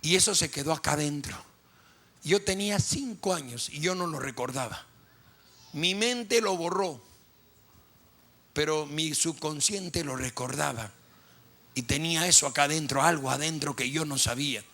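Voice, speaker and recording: A man's voice: fairly high pitch, normal speed, pauses often, sharp tone, pitched below the performer's own voice. A man voicing a tearful young woman prophet, speaking with earnest emotion.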